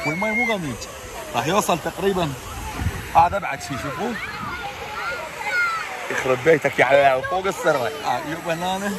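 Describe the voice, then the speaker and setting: Iraqi man, high swooping voice, excited exclaiming in ice cold water, casual selfie vlog, noisy outdoor phone audio. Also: a little fast, long pauses. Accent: Iraqi Arabic. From Iraq. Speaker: vlogger. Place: outdoors, in a lake beside a fountain. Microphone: phone at arm's length.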